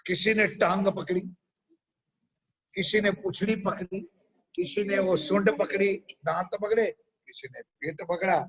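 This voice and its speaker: Male preacher, high voice, unhurried, quizzing listeners, dull lo-fi recording. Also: steady tone, a bit bright, slightly rough. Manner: questions the audience often. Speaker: religious preacher. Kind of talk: sermon with a parable.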